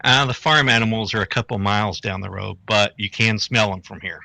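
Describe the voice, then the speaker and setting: Joking man with a bright, sharp voice. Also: on the low side, a little fast, vocal fry, rough recording. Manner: joking, teasing. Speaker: co-presenter of a volunteer program talk. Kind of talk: casual online presentation. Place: home near a college.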